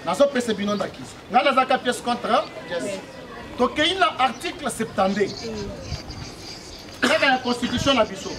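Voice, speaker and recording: A Congolese man gives an explanatory public address at an outdoor political meeting, repeatedly checking that the crowd understands and leading call-and-response chants. His voice is extremely high-pitched with lively intonation, a moderate pace and long pauses. The mic is distant, with the crowd heard responding behind him.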